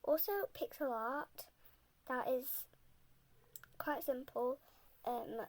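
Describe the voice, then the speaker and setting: A slightly sick young woman rambles softly in a casual voice-over about building in a game, often half-whispering. Her voice is high-pitched and steady, and she takes her time.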